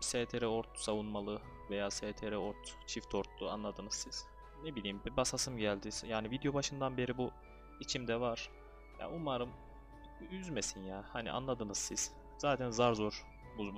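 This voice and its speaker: A young man talks his way through an online game in a relaxed, chatty flow, fretting over luck and perking up quickly at good results. His voice sits at a middle pitch, neither deep nor high. Faint background music runs underneath. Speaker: gaming video creator. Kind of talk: casual gameplay commentary.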